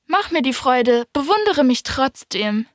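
A woman reading an audiobook, voicing a vain, boastful man who loudly demands admiration. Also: sits high, very animated, unhurried, no echo, studio quality, voice pushed up. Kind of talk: audiobook character voice.

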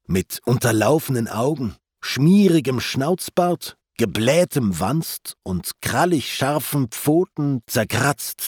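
Man reading an old epic poem real slow, measured and solemn, dry close mic. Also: mid-range voice, darkish tone, husky, no room sound. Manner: slow, measured verse recitation. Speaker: audiobook reader.

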